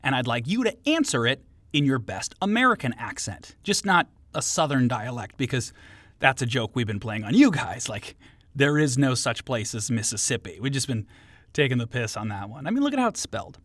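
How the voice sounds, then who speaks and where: A man's voice: mid-range voice, very animated, fairly quick, fairly bright tone, no echo. A male interview host reading playful scripted questions in a jokey, theatrical manner.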